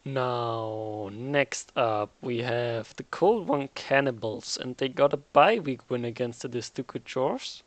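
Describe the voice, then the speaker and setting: A man's voice: medium pitch, slow, few pauses, no echo. Chatty male recap host, dry sound. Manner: chatty, joking, thinks aloud. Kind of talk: casual game recap commentary.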